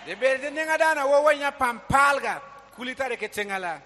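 A man's voice: extremely high pitch, animated, fast talker, sharp tone, a little hiss or hum. A man interpreting a sermon line by line, echoing each sentence in a rhythmic delivery. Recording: large hall with long reverb.

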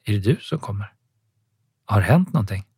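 A male audiobook narrator voicing a tired, short-winded older man who is reassuring, in his own husky voice. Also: lowish voice, very animated, warm tone, dry recording, studio quality, exaggerated voice. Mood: weary. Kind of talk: audiobook dialogue reading.

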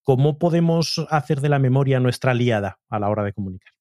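Brief: mid-pitched male interviewer, conversational questions, dry close sound. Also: expressive, quick pace, a little mellow, no room sound. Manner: conversational, asks follow-up questions.

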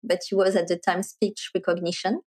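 A middle-aged woman from France with a French accent, speaking as an interview guest and explaining things clearly with a light laugh now and then. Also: fairly low pitch, level tone, brisk, darkish tone. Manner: articulate, explanatory, laughs lightly while talking. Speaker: guest, marketing executive. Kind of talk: conversational interview.

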